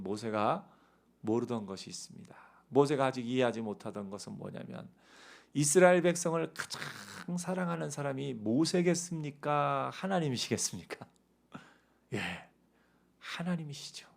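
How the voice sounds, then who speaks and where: High-voiced Korean pastor preaching. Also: male voice, gravelly. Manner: swings from raised pleading to soft quiet asides. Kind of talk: sermon.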